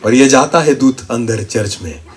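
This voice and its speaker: A male pastor preaching a call-and-response sermon, questioning the congregation, having them repeat answers back, and breaking into sudden shouts. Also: medium pitch, moderate pace, slight background noise.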